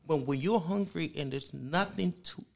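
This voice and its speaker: A man from El Salvador with a Salvadoran accent, a native Spanish speaker, talking earnestly with halting restarts as a podcast guest. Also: a little high, creaky, darkish tone. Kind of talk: casual podcast conversation.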